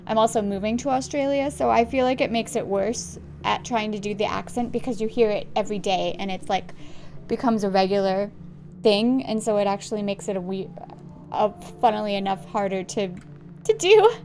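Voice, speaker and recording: A woman's voice: mid-range voice, steady tone, fairly quick, darkish tone, slight background noise. A woman gaming YouTuber doing let's-play commentary, chatty, rambling and self-deprecating.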